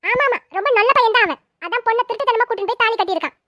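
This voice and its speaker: Shrill scolding cartoon grandmother. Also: very fast, over music. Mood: bitter scolding. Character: sharp-tongued old grandmother, scolding and bitter. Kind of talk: cartoon dubbing.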